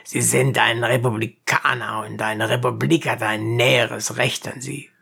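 Lady doing a cocky gentleman, low and gravelly, firm. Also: level tone, measured pace, heavily acted. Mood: assertive.

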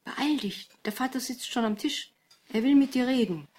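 A woman's voice: on the high side, moderate pace, slightly rough, pitched above the performer's own voice. A woman doing a fretful, fussing mother. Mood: urging. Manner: anxious, hushed and fretful. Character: worried, fussing middle-aged mother.

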